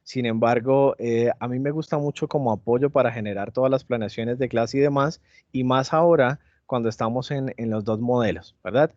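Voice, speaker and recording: A man presenting an online teacher training, pausing often with fillers and checking in with his listeners as he goes. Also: medium pitch, darkish tone, dry recording. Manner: hesitant, many fillers and tag questions. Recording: dry, dull lo-fi mic.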